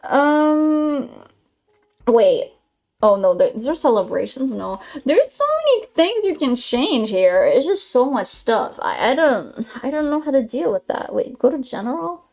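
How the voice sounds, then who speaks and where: A young Greek woman chats casually with her stream chat in Greek-accented English, frequently tripping over her words. Her voice is high and slightly mellow, very animated yet unhurried.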